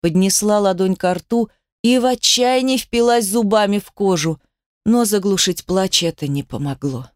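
A woman's voice: mid-range voice, a little mellow, no echo. Woman narrating a tense audiobook, dry. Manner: tense, emotional storytelling. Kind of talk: dramatic first-person audiobook narration.

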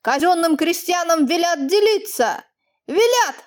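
Lady doing a strict old landowner dad, voice shaking, tense and loud. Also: high-pitched, animated, moderate pace. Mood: stern. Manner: trembling, stern. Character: stern landowner father, agitated, trembling.

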